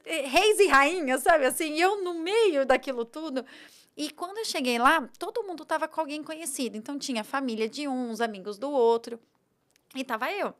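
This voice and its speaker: A woman with a Brazilian Portuguese accent and a notably high voice, speaking as a podcast guest. She tells her story with animated feeling and voices her own thoughts as she goes.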